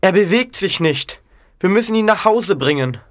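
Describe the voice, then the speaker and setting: A man's voice: sits high, expressive, moderate pace, dry recording, studio quality, voice pushed up. A man putting on a small, worried, sad mouse. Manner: worried, plaintive. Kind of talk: storybook reading.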